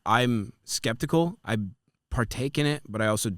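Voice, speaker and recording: A man's voice: mid-range voice, moderate pace, fairly bright tone, dry recording, studio quality. A man in his twenties hosting a podcast, chatting casually and rambling with lots of fillers and swearing. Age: 20s. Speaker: podcast host.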